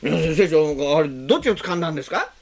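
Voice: medium pitch, very animated, vocal fry, darkish tone. A pastor preaching a sermon, asking the congregation questions and adding frequent tag words between phrases. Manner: slows on key phrases, speeds up when explaining.

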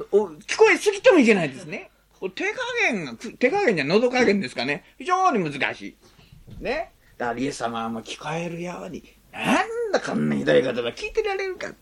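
A man's voice: on the high side, husky. A man preaching a sermon as pastor, chatty and folksy, often asking the congregation questions and adding little tags.

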